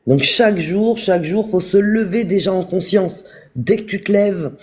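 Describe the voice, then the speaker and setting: A man giving a calm, repetitive spiritual talk on a live stream, speaking straight to his viewers. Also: high-pitched, normal speed, breathy edge. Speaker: spiritual teacher.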